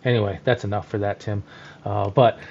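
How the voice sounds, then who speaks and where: A man's voice: on the low side, steady tone, brisk, gravelly, a little mellow, highs cut off. A man co-hosting a podcast, rambling enthusiastically with plenty of fillers in casual chat. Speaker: podcast co-host, journalist.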